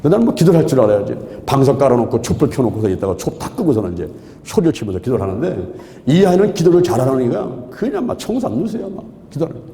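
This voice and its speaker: A man in his sixties preaching, telling his story with lively, exclamatory repeats. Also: mid-range voice, rapid-fire. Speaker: pastor. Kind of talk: sermon testimony. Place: large hall at a prayer retreat. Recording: echoey hall with long reverb.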